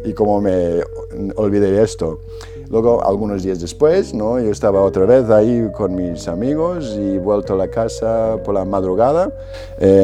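Low mellow-voiced man telling his story. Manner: storytelling with frequent "¿no?" tags and restarts. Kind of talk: personal testimony in an interview.

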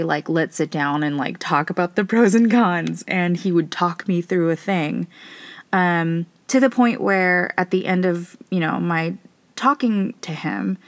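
A woman's voice: fairly low pitch, dry recording. A woman in her thirties hosting a casual solo podcast, chatty, informal and self-deprecating, recording inside a small closet. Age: 30s. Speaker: podcast host. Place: small clothes closet in a studio apartment.

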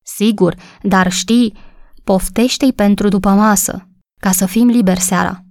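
A woman's voice: mid-range voice, steady tone, darkish tone, dry recording, studio quality, lightly acted. A woman doing a teasing young husband. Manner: joking, easygoing.

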